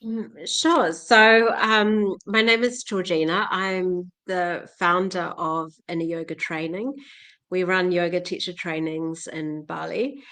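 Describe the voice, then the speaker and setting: A woman's voice: on the low side, fairly even intonation, slow, a bit bright. A woman from New Zealand, in her thirties or forties, talking reflectively as a guest about teaching yoga, with frequent fillers. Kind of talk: casual interview talk.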